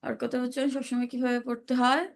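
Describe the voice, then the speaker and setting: A woman's voice: high voice, flat delivery, fast. A woman teaching an online lesson on reading Quranic vowel marks, patiently repeating questions for her students to answer.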